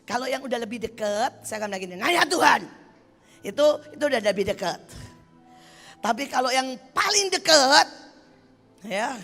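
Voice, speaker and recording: An older woman delivers a sermon in a bright, forceful voice that sits a touch high. She preaches bluntly and with emphasis, acting out the voices of the people she quotes. Her voice rings through a hall with a long reverb and faint music underneath. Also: animated, moderate pace, long pauses. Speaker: pastor.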